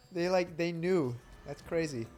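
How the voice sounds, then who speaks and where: A man's voice: a little high, slow, darkish tone, soft background music. A man streaming a video game, chatting casually in a rambling, frank way with many fillers. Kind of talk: casual chat while gaming.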